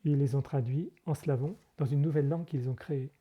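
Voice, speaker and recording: A dark, breathy-edged male voice at medium pitch, steady and a little fast, belongs to a monk being interviewed in conversation. He explains with care but hesitates frequently, leaning on fillers and revising what he says mid-thought.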